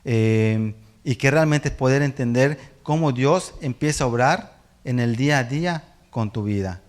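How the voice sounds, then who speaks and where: Mexican pastor telling family stories. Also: male voice, medium pitch, unhurried. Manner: animated storyteller, acts out family voices and laughs often. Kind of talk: sermon with personal storytelling.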